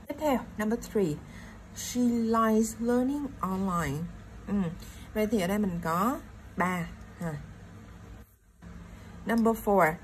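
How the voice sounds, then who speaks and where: A woman teacher walking students through an English stress exercise in a chatty way, with soft filler tags. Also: mid-range voice, slight background noise, rough recording. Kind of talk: explaining a pronunciation exercise.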